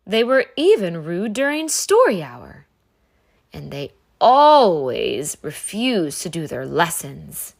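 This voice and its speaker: A woman narrating a children's storybook in an expressive read-aloud style. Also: on the low side, slow, gravelly. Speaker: storybook reader.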